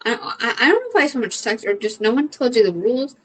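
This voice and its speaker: Young woman comic, slightly high voice, rambly, loose, swears easily. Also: very animated, quick pace, rough recording. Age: young adult. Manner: rambling, filler-heavy, swears casually. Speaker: comedian answering questions. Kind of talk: casual chat.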